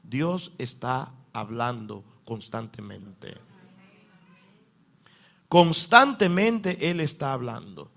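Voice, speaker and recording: A man's voice: medium pitch, sing-song, very slow, creaky, long pauses, fairly bright tone. A man preaching a sermon to a congregation, asking them questions and pushing his voice up for emphasis. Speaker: pastor.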